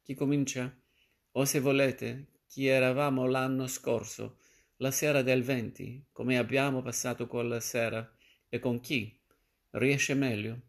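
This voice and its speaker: A man reading the lines of a moody, restless woman in a novel, in his own gravelly voice. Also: mid-range voice, flat delivery, a little slow. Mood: teasing.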